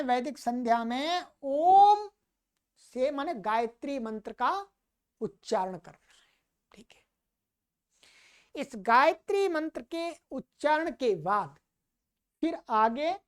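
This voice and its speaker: एक महिला शिक्षिका जो मंत्र धीरे-धीरे उच्चारण करके सिखाती है और बीच में जल्दी-जल्दी समझाती है।. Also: female voice, sits high, expressive. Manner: chants slowly and loudly, then explains quickly. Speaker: teacher of Vedic mantra pronunciation. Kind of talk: recitation lesson.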